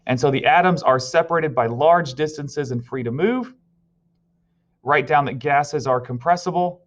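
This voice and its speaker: A man's voice: fairly high pitch, moderate pace. Man teaching a recorded science lesson. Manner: explains step by step, tells students what to write. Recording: slightly dull lo-fi audio.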